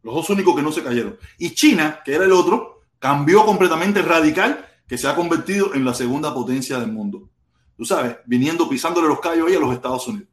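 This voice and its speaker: A man with a Cuban accent hosting a casual live stream from home, animated and repeating his phrases as he reads viewer comments aloud. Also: fairly high pitch, quick pace. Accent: Cuban Spanish. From Cuba. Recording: roomy echo.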